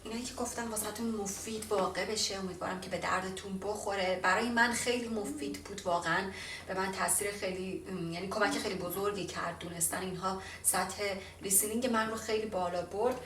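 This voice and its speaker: A woman from Iran gives a casual spoken lesson on English sounds, stopping to model each one slowly between fillers. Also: medium pitch, fairly even intonation, fairly bright tone, distant mic, slight background noise. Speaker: language teacher. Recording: roomy, from off-mic, faint ambience.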